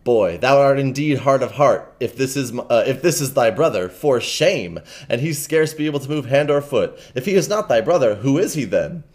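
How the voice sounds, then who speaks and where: A man voicing a kindly, gullible gentleman who speaks in old-fashioned, gushing phrases. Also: medium pitch, lively intonation, moderate pace, few pauses, lightly acted. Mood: reproachful.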